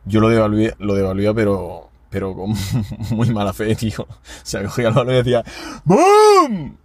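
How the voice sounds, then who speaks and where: A man's voice: fairly low pitch, brisk, no echo. Joking young man, dry close sound. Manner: joking, swearing, animated storyteller. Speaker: podcast co-host. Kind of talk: casual chat.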